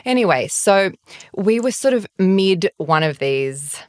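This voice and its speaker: A woman's voice: mid-range voice, a little slow, clear, resonant tone, no room sound, studio quality. A woman from Australia, a guest author in a casual conversation, telling stories animatedly and acting out the voices of the people in them. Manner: animated storyteller, acts out quoted voices.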